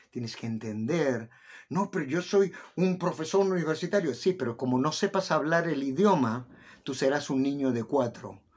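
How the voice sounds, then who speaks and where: A man's voice: mid-range voice, darkish tone, breathy edge. A middle-aged man talking casually to viewers, asking them questions directly. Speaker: vlogger explaining life in the country. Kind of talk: casual explanatory talk to viewers. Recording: dull lo-fi recording.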